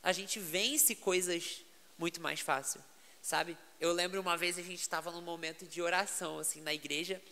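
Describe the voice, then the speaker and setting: Lively Brazilian pastor, bright voice. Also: male voice, a little high, moderate pace, big-room sound. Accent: Brazilian Portuguese. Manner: lively storytelling, animated and laughing. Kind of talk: casual podcast chat.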